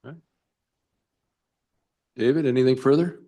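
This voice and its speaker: A man's voice: medium pitch, fairly even intonation, normal speed, mellow. A man chairing a public meeting with short, informal procedural remarks.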